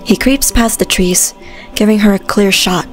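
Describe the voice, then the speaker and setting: A woman narrates a scripted story in a mid-range voice at a moderate pace. Faint music plays behind her.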